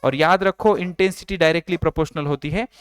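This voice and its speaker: A male teacher lectures with a smooth, clear, slightly high voice. He repeats key phrases and asks and answers his own questions. The sound is close and dry. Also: fairly even intonation, fast talker, no echo. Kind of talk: classroom lecture.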